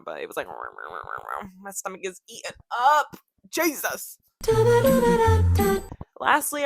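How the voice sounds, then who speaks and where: A woman's voice: fairly low pitch, fairly bright tone, dry recording. A woman in her twenties talking casually to camera, rambling off topic, joking and swearing freely. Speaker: YouTuber.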